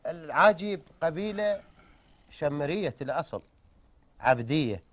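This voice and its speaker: A man's voice: fairly high pitch, lively intonation, moderate pace, a bit bright. A man from the southern Iraqi desert with a Bedouin Arabic accent, talking as a guest in a conversational interview. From southern Iraqi desert around Samawah. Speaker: guest, tribesman and amateur Nabati poet.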